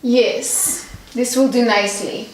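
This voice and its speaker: Woman playing solemn female seance medium, high voice, grave portentous delivery, student horror drama, echoey room. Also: fairly even intonation, slow pace, darkish tone. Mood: solemn, ominous. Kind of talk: scripted student film drama. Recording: echoey room with background noise.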